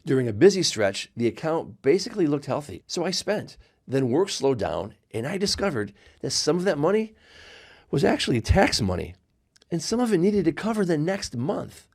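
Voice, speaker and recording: A man hosting a finance explainer video, speaking in a measured, scripted way with small laughs. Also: medium pitch.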